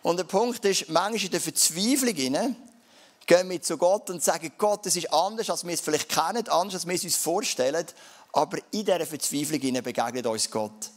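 Swiss German male pastor, slightly higher voice, relaxed chatty sermon style. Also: brisk. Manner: casual, conversational preaching with dialect fillers.

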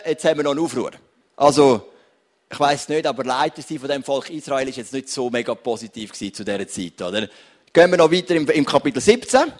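Man, lively preaching, higher voice, emphatic repetition. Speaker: pastor. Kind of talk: sermon.

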